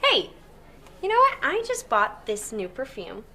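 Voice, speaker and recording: Actress as a nervous young woman on a blind date, high and very animated, easily rattled. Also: exaggerated voice. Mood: flustered. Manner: flustered, nervous, quick to protest. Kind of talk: comedy sketch acting.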